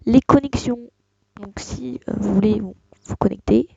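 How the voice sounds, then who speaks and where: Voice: medium pitch, normal speed, creaky, breathy edge, dry recording, muffled recording. A young speaker giving a casual screen-recorded tutorial, hesitant and full of fillers. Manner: hesitant, many fillers and restarts. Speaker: tutorial host.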